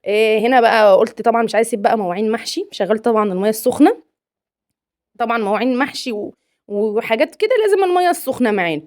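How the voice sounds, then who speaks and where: Brief: young Egyptian woman, home vlogger, rapid chatty delivery, dry close mic. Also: on the high side, darkish tone, no echo. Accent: Egyptian Arabic. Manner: chatty and playful, laughs often. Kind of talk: chatty home vlog voice-over.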